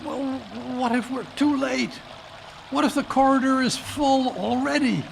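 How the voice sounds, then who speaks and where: A man playing a flustered, bumbling older gentleman doctor with a hesitant, stammering delivery in a live radio play. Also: extremely high pitch, a little slow, gravelly, a little hiss or hum, heavily acted. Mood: anxious, struggling. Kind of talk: live recreation of 1940s radio drama.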